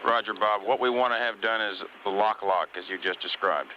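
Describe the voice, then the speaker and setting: A man with a low voice speaks as a mission control communicator over a dull space radio link. He is measured and polite, giving procedural messages to a spacecraft. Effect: radio transmission. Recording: dull hissy air-to-ground space radio.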